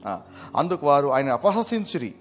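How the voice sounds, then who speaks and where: A man with a fairly high voice preaches through a Bible study, verse by verse. He presses his points hard, rising into loud bursts, then dropping to quiet asides. Soft music plays faintly underneath. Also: big pitch swings, normal speed. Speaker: Bible teacher.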